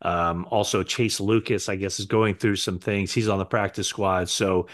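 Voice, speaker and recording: A middle-aged man with a notably low voice talks straight to a webcam from a living room. He recaps sports news in a loose, conversational way, with frequent fillers and quick self-corrections. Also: steady tone. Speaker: sports reporter. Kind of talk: recap to camera. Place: living room with sofa, indoors.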